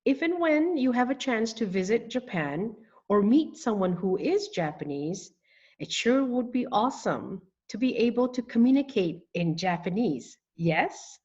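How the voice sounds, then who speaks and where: Slow, deliberate woman teaching vocabulary. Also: on the high side, animated, a little mellow, husky, highs cut off. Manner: slow, deliberate, spells out words syllable by syllable. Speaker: language teacher. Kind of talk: scripted lesson narration.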